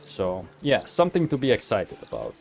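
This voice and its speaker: A man's voice: lowish voice, huge pitch swings, normal speed, vocal fry, darkish tone, slight background noise. A man giving casual, rambling game playthrough commentary in an informal way, often correcting himself. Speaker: gaming video host. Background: faint music.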